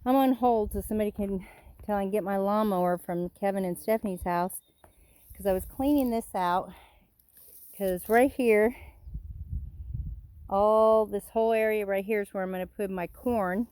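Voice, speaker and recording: A chatty woman walks through her yard, pointing out plants in a casual, meandering way. She sounds a little out of breath from the walk, with a voice of ordinary pitch. It is recorded outdoors on a handheld phone. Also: normal speed, pauses often, darkish tone, clean tone, dry recording. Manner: chatty, pointing things out while walking outdoors. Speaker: vlogger giving a garden tour. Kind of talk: casual walking garden tour.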